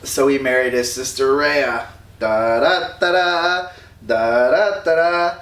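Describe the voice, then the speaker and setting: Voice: medium pitch, slow pace, a bit bright. A storyteller retelling a myth while drinking, rambling and slangy. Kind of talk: drunken comic myth retelling. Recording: roomy echo, distant mic.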